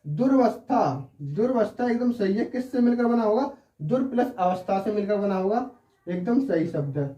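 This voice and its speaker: A man with a high, mellow voice and lively intonation speaks at a moderate pace in an online Hindi spelling lesson. He goes over each word in turn and keeps checking in with his listeners. The mic is distant and the sound is roomy.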